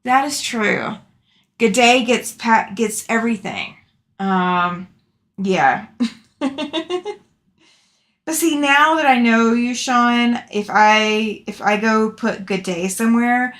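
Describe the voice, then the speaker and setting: A woman's voice: fairly high pitch, takes it slowly, fairly bright tone. A chatty woman hosting a sewing livestream, talking casually and affectionately to viewers as she answers their comments. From Alabama, southern US. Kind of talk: casual chat, reading out and answering live comments.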